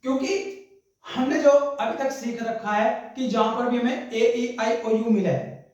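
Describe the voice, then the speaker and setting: A man's voice: very high-pitched, fairly even intonation, unhurried, darkish tone. A male grammar teacher giving a classroom lesson. He repeats each point, asks his students rhetorical questions and calls them "brother". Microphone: distant microphone. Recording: very echoey room, far from mic.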